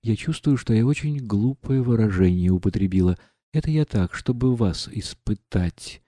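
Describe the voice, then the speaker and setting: A male reader voicing a proud, impulsive young noblewoman in an audiobook, agitated and quick to flare up. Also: on the low side, lively intonation, mellow, no echo. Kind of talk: audiobook reading.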